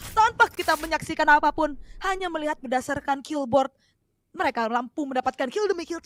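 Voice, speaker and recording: A woman's voice: sits high, slight background noise. An Indonesian woman giving live esports play-by-play as a commentator, with a dramatic, fluent announcer delivery.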